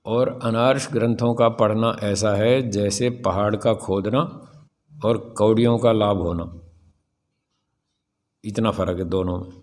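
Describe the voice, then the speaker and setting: A man's voice: fairly low pitch, steady tone, a little slow, pauses often, a little mellow. A man in his sixties, a swami, giving a spiritual discourse in a firm, rhetorical manner and putting questions to his listeners. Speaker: swami teaching scripture.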